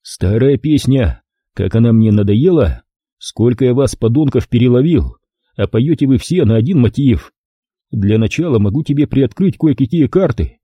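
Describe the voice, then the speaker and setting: A man doing a gruff, mocking detective in an audiobook, low and unhurried, with cool menace in every word. The voice is dark and husky, recorded close and dry. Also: animated, no room sound. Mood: menacing. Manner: slow, menacing, sarcastic. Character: gruff tough male ex-investigator detective, mocking.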